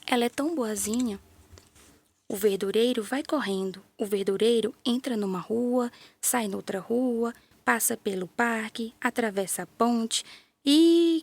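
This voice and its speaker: Gentle and playful, a slightly high-voiced woman reads a children's tale aloud with a Brazilian Portuguese accent. She punctuates the story with little sound effects.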